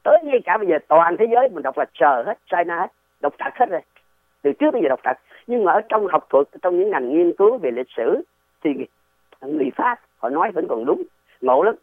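A man talks through history in a loose, wandering way and keeps throwing rhetorical questions at the listener. His pitch rises and falls a lot, and it sits a little high for a man. He comes through a dry, tinny phone line. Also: very animated, a little fast, no room sound. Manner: rambling, digressive, rhetorical questions. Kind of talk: casual explanatory talk.

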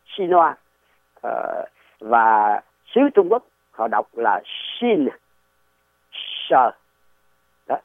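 A man talks through history in a loose, wandering way and keeps throwing rhetorical questions at the listener. His pitch rises and falls a lot, and it sits a little high for a man. He comes through a dry, tinny phone line. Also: no room sound. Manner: rambling, digressive, rhetorical questions. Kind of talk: casual explanatory talk.

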